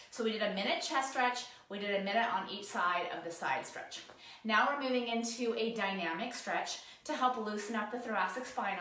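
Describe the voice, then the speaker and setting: Hoarse from a cold, a posture and ergonomics instructor casually talks viewers through stretches at a work desk, demonstrating as she goes in a guided lesson to camera. Her voice is a little high and a bit bright, and the camera mic, sometimes turned away from her, picks up heavy reverb.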